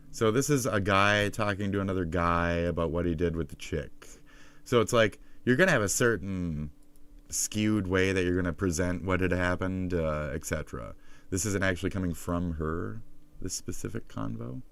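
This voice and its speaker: Low-voiced man ranting profanely. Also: no echo. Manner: profane, heated, sarcastic. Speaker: streamer. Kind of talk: ranting live-stream commentary.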